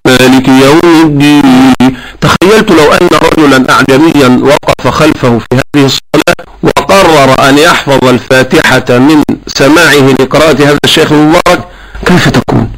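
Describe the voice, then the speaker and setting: Against a noisy background, a man with a mid-range voice teaches correct Quran recitation. He explains patiently and chants verses slowly to demonstrate.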